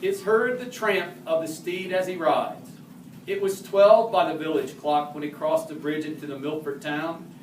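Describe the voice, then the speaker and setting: Recorded on a distant microphone in a roomy space with faint background noise, an amateur reader voices a historical horseman while reciting a narrative poem. His pitch is fairly high and his pace moderate, and he occasionally stumbles over harder words and corrects himself.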